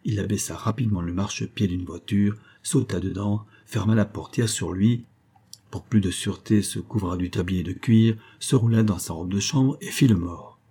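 A male narrator with a low, husky voice and a dark, mellow tone. He reads a classic story aloud in measured, even scripted audiobook narration.

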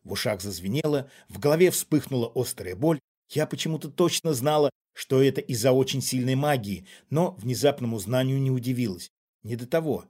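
Brief: man narrating a novel, husky voice, calm even pace. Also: mid-range voice, brisk. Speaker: audiobook reader. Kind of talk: scripted first-person narration.

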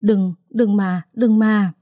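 A woman's voice: mid-range voice, normal speed, dark tone, dry recording, studio quality, natural voice. A woman doing a frightened young pregnant wife. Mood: pleading. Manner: pleading, tearful, desperate.

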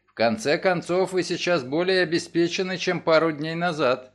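A man voicing a calm, terse middle-aged lawyer, asking short clipped questions in a lower, level voice for an audiobook. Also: moderate pace, natural voice. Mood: curt.

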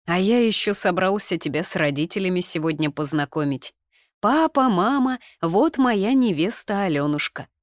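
A woman voicing an excited, slightly drunk young man who keeps insisting to his fiancée. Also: on the low side, normal speed, no room sound, studio quality, close to an everyday voice. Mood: teasing. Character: young man, heroine's ardent, tipsy fiancé.

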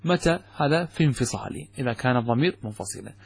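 A man teaching Arabic grammar from a classical text, with a Gulf Arabic accent, asking and answering his own questions and saying example words slowly with stress. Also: medium pitch, animated, vocal fry, husky. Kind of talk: explaining a grammar text in a lesson.

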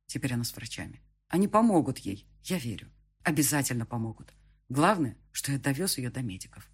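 A man's voice: mid-range voice, very animated, brisk, husky. A man reading a first-person audiobook with a tense, emotional delivery. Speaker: audiobook narrator.

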